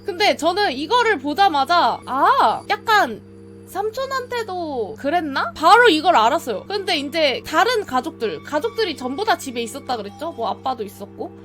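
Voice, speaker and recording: High, lively woman telling a ghost story. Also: normal speed, soft background music. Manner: animated, acts out quotes and sound effects. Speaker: streamer. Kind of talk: casual storytelling of a scary true story.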